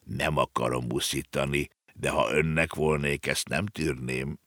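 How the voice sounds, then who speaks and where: Male reader doing a disdainful Roman dictator for a storybook, deep and hushed. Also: fairly even intonation, dry recording, clean studio sound. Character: haughty Roman dictator, man.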